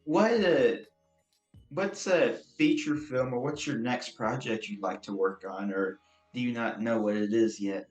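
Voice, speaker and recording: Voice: medium pitch, measured pace, a little mellow, soft background music. Easygoing interviewer in a roomy echo. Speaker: interviewer host. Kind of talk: casual interview questions. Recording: roomy, distant mic.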